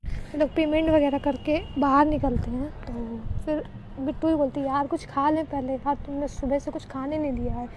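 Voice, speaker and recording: High-voiced woman telling a story. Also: fairly even intonation, normal speed, darkish tone, slight background noise, low-quality recording. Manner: chatty, retells dialogue with many fillers. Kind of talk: casual spoken storytelling.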